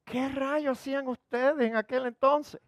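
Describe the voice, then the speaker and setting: A man's voice: very high voice, fairly even intonation, unhurried, no echo, studio quality, pitched above the performer's own voice. A man voicing a sassy teenage girl who asks her mother in disbelief how people lived without modern gadgets. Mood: incredulous. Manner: incredulous, sassy.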